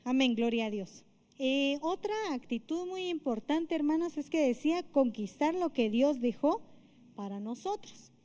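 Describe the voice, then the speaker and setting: A woman's voice: high voice, lively intonation, unhurried, mellow. A woman preaching a sermon to a women's group, earnest and often asking the listeners for agreement. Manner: earnest, asks the listeners for agreement, with frequent fillers and restarts.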